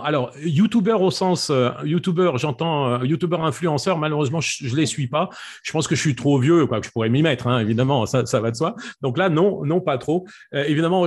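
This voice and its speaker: A man's voice: a little high, a little mellow, slightly rough. French-speaking man coaching with many fillers. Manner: hesitant, many fillers and restarts. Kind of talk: webinar Q&A answer.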